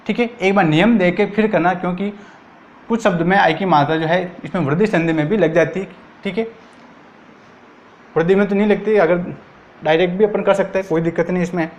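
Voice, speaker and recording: A man's voice: high-pitched, dull audio. A man teaching a grammar lesson for exam prep, asking and answering his own questions.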